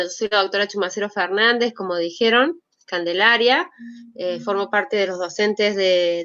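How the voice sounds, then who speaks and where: A woman's voice: mid-range voice, a bit bright. A woman with an Argentine accent giving an online medical lecture as a doctor, in a conversational way. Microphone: video call. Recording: dull video-call audio.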